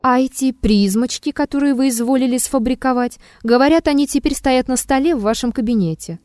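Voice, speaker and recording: A woman's voice: high voice, brisk, darkish tone, no echo, clean studio sound, pitched above the performer's own voice, close to an everyday voice. A woman voicing a sneering insolent blackmailer. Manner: sneering and rude. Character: insolent, mocking male blackmailer.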